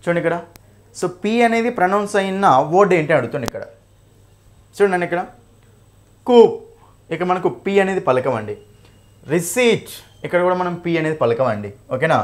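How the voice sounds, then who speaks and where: Fast-talking Telugu-accented teacher, reading examples slowly. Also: male voice, high-pitched, expressive. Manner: explains each option in detail, asks "okay?" and "right?" over and over; reads English example sentences slowly. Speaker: English teacher. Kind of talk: exam revision lesson.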